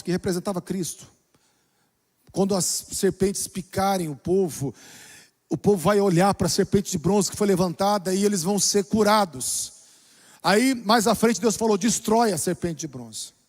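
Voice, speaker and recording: A man preaching a sermon as pastor, dramatically shifting between soft, low passages and loud exclamations. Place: church. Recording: long reverb of a church hall.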